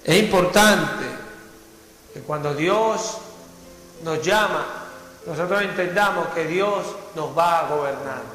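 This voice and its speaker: Male pastor, fairly high voice, fervent preaching with rhetorical questions; long hall reverb, faint music underneath. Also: slow pace, pauses often, a bit bright. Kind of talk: sermon. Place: church hall.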